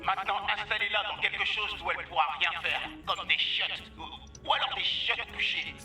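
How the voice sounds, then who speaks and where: A man's voice: high voice, brisk, sharp tone, reverberant, soft background music. A man playing a foul-mouthed, urgent spaceship crew ally in a video game. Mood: spiteful.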